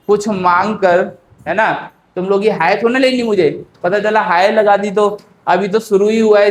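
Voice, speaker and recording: A man teaching an exam-prep lesson in a chatty, unhurried way, often checking in with his students. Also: high-pitched. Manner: chatty, repeats tag questions, calls listeners "beta"; speaks slowly by habit. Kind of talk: casual exam-prep lecture. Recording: roomy echo.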